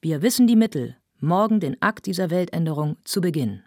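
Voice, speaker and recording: A woman voicing a pale young man giving a lofty, convoluted speech, with a slightly husky voice. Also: on the low side, lively intonation, fairly quick, dark tone, no echo, studio quality, pitched above the performer's own voice. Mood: exalted. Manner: grandiloquent, convoluted, exalted. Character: pale young male orator, lofty and rapturous.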